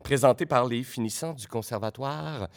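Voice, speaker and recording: A man's voice: medium pitch, normal speed. A man with a Quebec French accent hosting a theatre podcast, reading the news in a polished, formal presenting manner. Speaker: podcast host; teacher.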